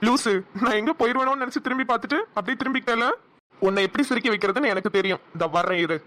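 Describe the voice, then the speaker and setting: A woman's voice: fairly high pitch, rapid-fire, fairly bright tone, a little hiss or hum, lightly acted. A woman voicing a brusque teasing young husband. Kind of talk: cartoon voice acting.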